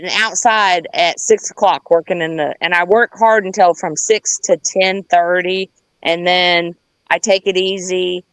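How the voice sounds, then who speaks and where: Her mid-range voice has a fairly bright tone as this US woman, a livestreaming gardener with a Southern accent, chats in a casual, rambling, folksy and plain-spoken way. No room sound comes through, but the recording is low quality.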